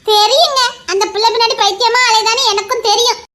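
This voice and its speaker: A woman's voice: very high-pitched, steady tone, fairly quick, sharp tone. A woman playing a protective middle-aged mother who defends her son and argues with her husband in a pleading, reasoning way. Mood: defensive. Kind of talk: amateur audio drama.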